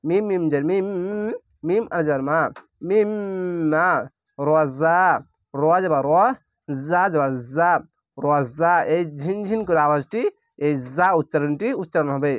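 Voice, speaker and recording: A man teaching Quran reading, spelling out each syllable slowly and then blending it into the word. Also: a little high, no room sound, clean studio sound. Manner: draws out recited words very slowly. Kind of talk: slow letter-by-letter recitation lesson.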